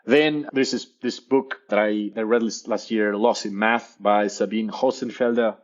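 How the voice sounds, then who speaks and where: A professor, appearing as a guest, speaks in a casual interview with an Argentinian Spanish accent; Spanish is his native language. His voice sits on the low side with fairly even intonation at a normal speed, and the recording sounds muffled. He's enthusiastic and often repeats words while searching for the right ones.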